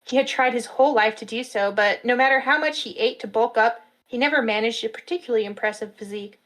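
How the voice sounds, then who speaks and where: A woman narrating a fantasy story in a steady storytelling manner at a live reading. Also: a little high, fast, poor audio.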